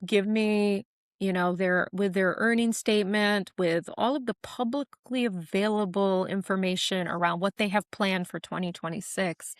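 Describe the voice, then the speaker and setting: Woman, podcast guest, casual explaining, made-up examples, mid pitch, dry close sound. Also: steady tone, normal speed, no echo. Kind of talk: casual interview talk.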